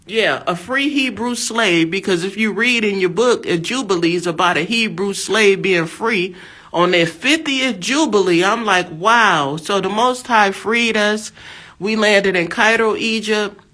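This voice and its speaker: A woman's voice: medium pitch, bright, forceful tone. An American woman in her fifties giving a fervent religious testimony, emphatic and exhortative, repeating her phrases. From USA. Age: 50s. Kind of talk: fervent preaching monologue.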